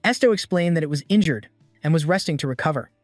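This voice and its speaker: A man reading a scripted story recap in a steady, even storytelling manner. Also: fairly high pitch, fast, dry recording. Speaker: recap narrator. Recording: dry voice-over with soft music.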